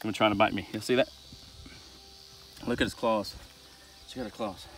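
A man, chatting excitedly to viewers about a catch while standing on a riverbank outdoors, recorded on a chest-mounted camera. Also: on the low side, normal speed. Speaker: fishing vlogger. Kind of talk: casual outdoor vlog. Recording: outdoor recording with faint nature noise.

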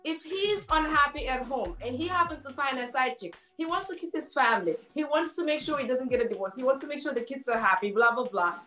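Play a chatty, playful woman hosting a casual talk show. Keep it high-pitched, speak straight to the viewers, and let light laughs slip in. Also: lively intonation, fast, few pauses, bright, forceful tone, faint music behind.

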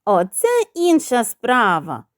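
Woman doing a sly purring cat, slow and flattering, storybook read-aloud. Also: fairly high pitch, no echo, clean studio sound.

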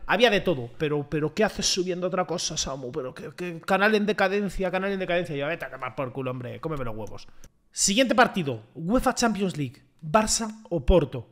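Young guy yelling over a football game, high bright voice, jokey and sweary. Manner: loud, excitable, swearing, joking. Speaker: gaming YouTuber. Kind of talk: casual gameplay commentary.

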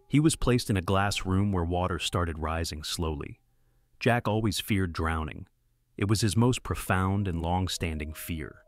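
Male horror-story narrator, deep and steady, scripted first-person telling.

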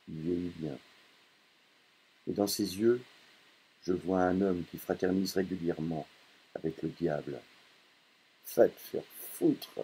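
Low, dark-voiced male audiobook narrator. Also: husky. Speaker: audiobook reader.

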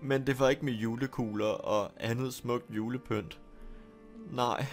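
A man narrating a scary story in a steady, deliberate storytelling manner. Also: mid-range voice, soft background music. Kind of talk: scripted horror story narration.

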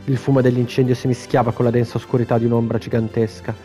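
A man with an Italian accent reading a video game's story aloud in a steady, unhurried way, with brief casual asides. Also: medium pitch, soft background music. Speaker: gamer reading game text.

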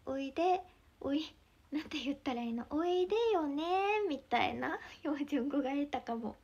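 Young woman, Mie dialect accent, high-pitched, chatty, giggly, casual livestream talk, occasional soft whispers. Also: lively intonation, moderate pace, highs cut off. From Mie Prefecture, Japan. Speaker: idol livestreamer.

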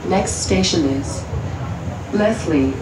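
A woman's recorded voice making subway announcements from spliced together words, in a measured, even manner. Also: fairly low pitch. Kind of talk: automated transit announcements. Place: inside a subway train. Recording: echoey train loudspeaker from far off, noisy. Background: train running noise.

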